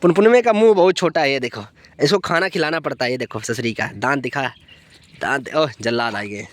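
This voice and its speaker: A man's voice: a little high, expressive, a little fast, no room sound. A man from India, vlogging outdoors in a playful, affectionate way while coaxing and teasing his dogs. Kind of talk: casual vlog talk.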